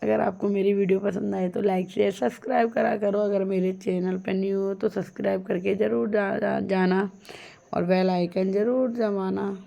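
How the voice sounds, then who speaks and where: Gravelly-voiced woman narrating her vlog. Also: mid-range voice, level tone, normal speed, dark tone, dull audio. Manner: chatty, storytelling, laughs often. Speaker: vlogger.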